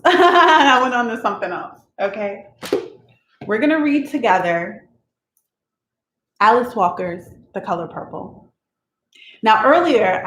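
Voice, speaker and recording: A woman hosting a book-reading channel, talking casually and emotionally at home and tagging her sentences with "okay?". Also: mid-range voice. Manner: chatty, tags sentences with "okay?"; emotional, openly expects to cry. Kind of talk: casual chat before reading aloud. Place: at home with her cat nearby. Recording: echoey room, faint noise.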